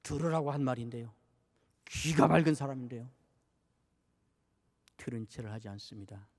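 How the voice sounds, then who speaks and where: A man's voice: medium pitch, moderate pace. A male pastor preaching a sermon, acting out scripture scenes and asking the congregation many rhetorical questions. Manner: dramatizes scripture, acting out rebukes and pleas. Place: church sanctuary. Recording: long church hall reverb.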